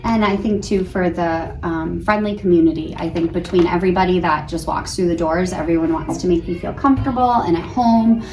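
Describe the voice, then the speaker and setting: Speaking fairly quickly with hardly any pauses, this New Hampshire woman has a low, darkish voice and an American accent. The elementary school teacher answers chattily and earnestly in a casual interview, recorded roomy and from a distant mic with faint noise in the background.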